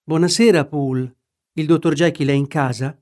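A man voicing a composed, courteous middle-aged lawyer in a measured tone. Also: fairly high pitch, steady tone, darkish tone, close to an everyday voice. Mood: inquiring.

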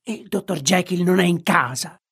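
Man doing a hoarse sneering villain. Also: high-pitched, normal speed, fairly bright tone, pitched above the performer's own voice, full character voice. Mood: suspicious. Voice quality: hoarse, husky put-on voice. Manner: defiant, suspicious, bursts into anger. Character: sneering hostile small man, menacing.

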